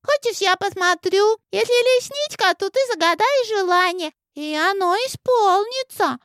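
A man's voice: extremely high pitch, expressive, a little slow, pushed and bright, no echo, clean studio sound, pitched above the performer's own voice, full character voice. A man reading an audiobook, voicing a sweet, affectionate little girl in a tender childlike voice. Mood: tender, loving. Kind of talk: audiobook narration.

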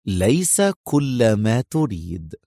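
A man's voice: lowish voice, big pitch swings, dark tone, dry recording, studio quality, exaggerated voice. Man putting on a cold sneering general. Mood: mocking. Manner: sarcastic, slow, menacing. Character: cold mocking male general, calm and menacing.

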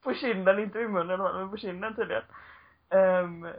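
A woman's voice: medium pitch, steady tone. A woman in her twenties telling stories in a casual podcast chat, full of fillers. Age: 20s. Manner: chatty storytelling with frequent fillers and laughs. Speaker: podcast co-host. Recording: dull lo-fi old recording.

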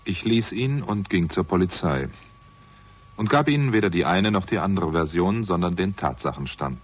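In a 1960s German radio crime drama, an actor with a deep, slightly rough male voice plays a theatrical agent. The character is jaded and hard-drinking, sardonic and world-weary, yet has a conscience.

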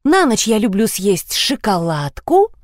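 A woman's voice: a little high, lively intonation, normal speed, no room sound, clean studio sound, voice pushed up, natural voice. A woman reading a story, voicing a touchy, dramatic teenage girl who whines and sulks. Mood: calm. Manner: whiny, dramatic.

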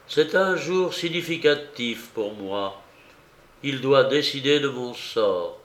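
A young actress confides in her diary with intense feeling, read out by a man. The slow voice carries a roomy echo. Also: medium pitch, animated, fairly bright tone. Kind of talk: audiobook reading.

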